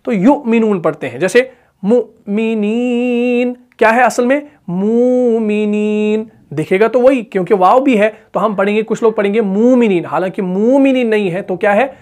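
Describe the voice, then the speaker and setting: A man with a Pakistani Urdu accent teaching Quran recitation. He asks questions and answers them himself, and stretches out the example words slowly. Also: sits high, animated. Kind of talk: tajweed lesson.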